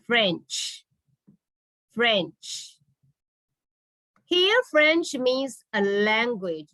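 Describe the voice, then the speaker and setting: Slow, high-voiced woman teaching English. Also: a bit bright, dry recording. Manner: deliberate, repeats words, checks with "okay?" and "all right?". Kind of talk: slow classroom lesson with read-and-repeat drilling.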